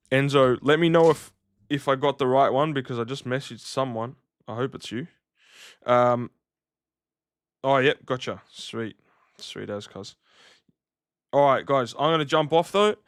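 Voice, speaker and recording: A man's voice: medium pitch, a little slow, pauses often, smooth, no echo, clean studio sound. A man, chatting casually to livestream viewers in a slangy, matey way. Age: 30s. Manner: laid-back slangy, matey address. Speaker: livestream host.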